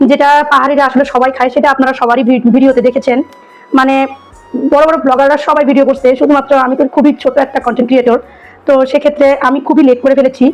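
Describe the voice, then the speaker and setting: A hoarse woman with a cold, chatting enthusiastically as she tastes food for her vlog. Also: sits high, a little mellow, lo-fi sound. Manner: chatty, enthusiastic, repeats herself. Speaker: food vlogger. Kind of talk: casual food-tasting vlog.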